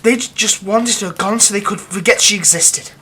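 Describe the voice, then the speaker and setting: A man plays a grieving, reclusive young man in an ASMR audio roleplay, his high voice moving at a moderate pace. He talks in soft half-whispers that break now and then into bitter, scornful outbursts.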